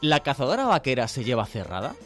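A man's voice: medium pitch, huge pitch swings, fast talker, fairly bright tone, soft background music. A man in his forties co-hosting a radio show, chatting and reading out listener messages. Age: 40s. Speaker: radio co-host.

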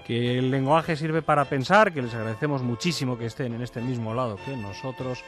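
A man's voice: mid-range voice, a little fast, a bit bright, faint music behind. A man explaining a grammar rule on a radio show, thinking aloud and repeating examples. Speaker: language columnist. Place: radio studio. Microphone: studio mic.

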